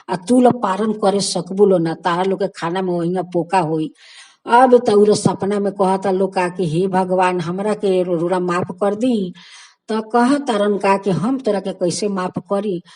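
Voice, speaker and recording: A woman with a Bhojpuri accent tells a devotional folk tale in a sing-song storyteller's cadence. Her voice sits at an ordinary middle pitch for a woman. She speaks the characters' prayers and pleas in the same voice as her narration. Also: warm tone.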